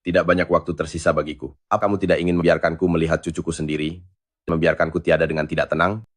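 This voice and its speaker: An eighty-eight-year-old patriarch of a wealthy family. He talks in a very deep voice at a brisk pace, giving orders to his household with authority. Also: little pitch movement. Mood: pleading. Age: older. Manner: commanding, orders staff about. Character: wealthy elderly patriarch, 88, eager for a grandson. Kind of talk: dubbed drama acting.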